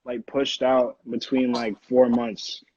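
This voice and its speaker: Slow and flat, with a mellow, slightly rough medium-pitched voice, a Connecticut-born American man talks casually as a music producer being interviewed, slangy and saying "like" a lot. There's no room sound, and the audio is dull and lo-fi.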